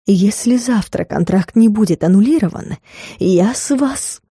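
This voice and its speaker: A woman voicing a cold, menacing dragon lord in an audiobook, speaking slowly and hissing through clenched teeth. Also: medium pitch, lively intonation, warm tone, husky, no echo, clean studio sound.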